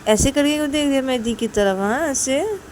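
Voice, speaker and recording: A woman's voice: high voice, animated, brisk, darkish tone, slight background noise, pitched above the performer's own voice. Brief: woman playing a cheeky young wife, needling her sister with question after question. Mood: teasing. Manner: teasing, prodding with repeated questions.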